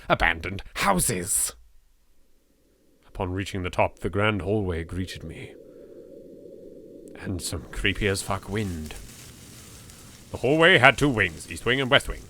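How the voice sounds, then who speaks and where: A British man doing a let's play reads horror game text aloud with theatrical expression, tossing in sweary asides of his own. His voice is lowish, bright and forceful. The recording is dry with clean studio sound.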